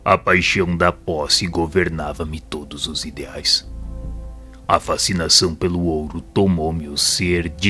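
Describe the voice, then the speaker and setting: Faint music sits beneath this audio-drama scene, where a man voices a wise spirit mentor with a very deep, forceful, bright-edged voice and a Brazilian accent. His delivery is solemn, patient and persuasive, in measured phrases that feel humble and confessional.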